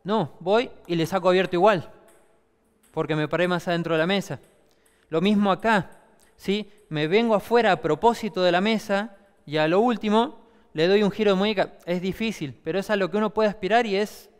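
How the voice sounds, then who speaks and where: A man's voice: sits high, normal speed, clear, resonant tone, long reverb tail. A man with an Argentine accent teaching a table tennis clinic, explaining with many rhetorical questions. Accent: Argentine Spanish. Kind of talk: demonstration class.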